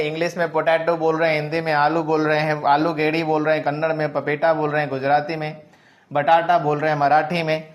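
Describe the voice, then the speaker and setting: A male teacher explaining biology to his students, his voice sitting a bit high. He often repeats himself, poses questions and answers them right away, and drops English technical terms into Hindi sentences. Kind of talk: classroom lecture.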